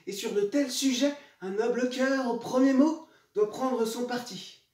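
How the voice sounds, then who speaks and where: A man's voice: very high-pitched, a little slow, a little mellow. A man playing a proud, betrayed noblewoman in classical theatre, declaiming with hammy, vengeful indignation. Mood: indignant, vengeful. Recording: echoey room, far from mic.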